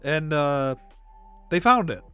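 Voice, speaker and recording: A man's voice: a little high, animated, slow pace, pushed and bright, smooth, soft background music. A young man livestreaming, ranking movies in casual chat, rambling with fillers and coughing now and then. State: coughing, throat irritated. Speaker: live stream host.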